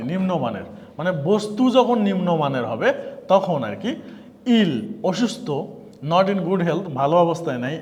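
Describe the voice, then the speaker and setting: A Bangladeshi man lectures on grammar in a fairly high, animated voice that rises and falls widely. He poses questions to his students and answers them himself. The room has a long, hanging reverb. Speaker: English teacher.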